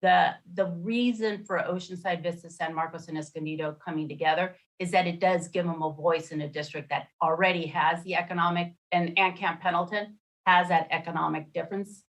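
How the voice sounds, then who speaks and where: A woman commissioner explaining a map proposal at a public meeting over a video call, halting with many fillers and restarts. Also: fairly low pitch, fairly even intonation, low-quality recording. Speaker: redistricting commissioner.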